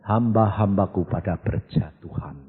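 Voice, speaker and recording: A solemn, hushed voice of God, as a Javanese-accented preacher puts him on, pitched lower and softer than his storytelling. The words come slow and grave. It sounds tinny and phone-like, with a long hall echo behind. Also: breathy edge, heavily acted. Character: solemn, quiet-spoken God, male. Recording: tinny, echoey hall recording.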